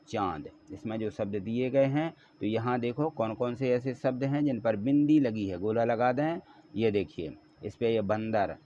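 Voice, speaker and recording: A male teacher talks through workbook exercises in a patient, steady way. He repeats each word slowly so students can follow. His voice sits at a middle pitch, and the recording sounds a little dull and lo-fi. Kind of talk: workbook lesson explanation.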